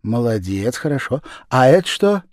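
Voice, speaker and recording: A man voicing a kind, patient village schoolteacher woman in a read-aloud storybook, speaking gently and coaxingly in a raised voice. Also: medium pitch, big pitch swings, moderate pace, dry recording, clean studio sound, voice pushed up, natural voice. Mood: gentle coaxing. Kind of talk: storybook reading.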